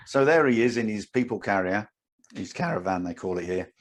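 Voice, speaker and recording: An older man, a podcast co-host telling an animated story in casual chat. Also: lowish voice, brisk. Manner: animated storyteller, acts out his own lines.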